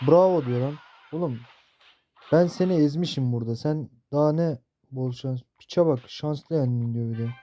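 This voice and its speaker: A young man in his late teens narrates his own mobile matches in a loose, profane way, swinging between muttering and sudden frustrated outbursts. His voice sits a little high but sounds mellow and soft-edged. The mic is dull and lo-fi. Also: normal speed. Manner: profane, excitable outbursts while playing. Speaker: mobile gaming youtuber. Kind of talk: gameplay commentary.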